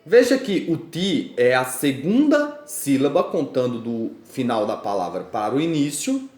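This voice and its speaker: A man's voice: mid-range voice, sing-song, measured pace, darkish tone, reverberant. A man with a Brazilian Portuguese accent teaching a grammar lesson to schoolchildren, patiently drawing out and stressing syllables in his examples.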